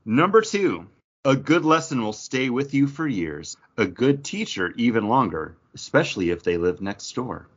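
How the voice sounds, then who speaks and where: On a dull, lo-fi online voice call, a man hosts a casual trivia quiz for a podcast, chatting and reading out questions. He speaks at normal speed in a medium-pitched, sing-song voice with a breathy edge.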